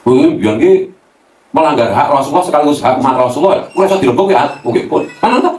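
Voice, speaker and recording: Animated cleric speaking from afar. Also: male voice, fairly high pitch, rapid-fire. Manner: animated, mixes Javanese slang, laughs often. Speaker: Islamic cleric. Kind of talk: casual religious talk. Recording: roomy, from a distance, faint noise.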